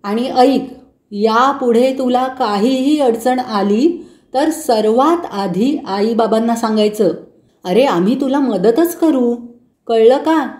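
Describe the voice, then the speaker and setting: A woman playing a caring mother who lectures her son calmly and gently. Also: fairly high pitch, slow. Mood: gentle. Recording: roomy echo.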